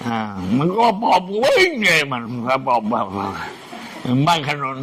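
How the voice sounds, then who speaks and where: Old man, elderly monk type: rambling, repetitive storyteller with swooping, higher-set pitch and faint background noise. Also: a little slow. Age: older. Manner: old man's rambling talk, often repeating words; animated. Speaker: senior Buddhist monk. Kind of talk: casual storytelling.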